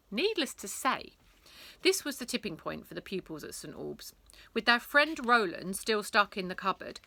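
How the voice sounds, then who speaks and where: A woman with a medium-pitched voice reads a children's bedtime story aloud, theatrical and expressive, lingering over the words.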